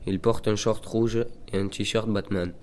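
A man's voice: lowish voice, steady tone, measured pace, darkish tone, close to an everyday voice. A man playing a plain-spoken young postman. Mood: matter-of-fact. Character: young postman, new on the job. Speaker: narrator of a postman character. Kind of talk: first-person dramatic reading.

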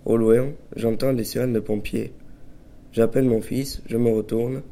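An actor playing a weary, irritable farmer father, telling his story in a somber first-person reading with a gravelly voice. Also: mid-range voice, fairly even intonation, normal speed, warm tone, close to an everyday voice. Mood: brooding. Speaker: narrator of a farmer character.

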